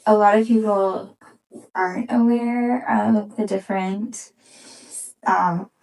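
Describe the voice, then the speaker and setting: A woman's voice: medium pitch, fairly even intonation, slow, vocal fry, darkish tone, distant mic, poor audio. A woman hosting a podcast interview, asking questions in a friendly, encouraging way. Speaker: podcast host.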